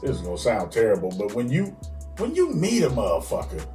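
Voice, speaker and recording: Male podcast co-host, animated stammering rant, echoey room with faint music. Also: mid-range voice, a little fast, recorded from a distance. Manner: animated ranting with frequent stammered restarts. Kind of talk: casual chat.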